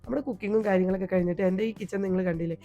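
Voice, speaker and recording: Hoarse chatty Malayali woman vlogger. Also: mid-range voice, steady tone, very fast, muffled recording, soft background music. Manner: chatty, homely, tags sentences with a soft "ട്ടോ". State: hoarse, sick with a cold. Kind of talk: home vlog voice-over. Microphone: voice-over recorded at home.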